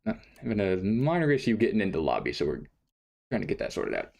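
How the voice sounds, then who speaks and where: A man's voice: on the low side, very animated, fast, vocal fry, a little mellow. A man hosting an esports stream, chatting casually and wryly while sorting out audio problems. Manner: easygoing, wry. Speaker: esports tournament caster. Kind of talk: casual pre-show chat while fixing stream audio. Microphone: desk mic at a streaming setup.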